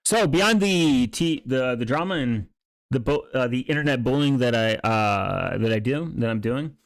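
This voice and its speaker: A man's voice: mid-range voice, expressive, no room sound. Rambling man in casual commentary, close dry sound. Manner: halting, rambling, often trails off and restarts mid-thought. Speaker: streamer reacting to online videos and channels.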